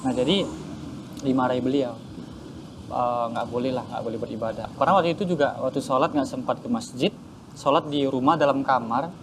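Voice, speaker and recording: A man telling his personal conversion story in a casual interview, animated and acting out his parents' voices. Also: mid-range voice, fairly quick, background noise. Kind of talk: casual spoken testimony.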